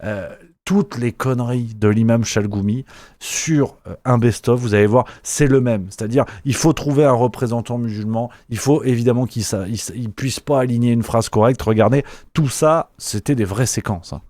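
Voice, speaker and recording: A man's voice: medium pitch, normal speed, darkish tone, no echo, studio quality. A man hosting a satirical news show, mocking and sarcastic, rambling with lots of fillers. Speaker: show host.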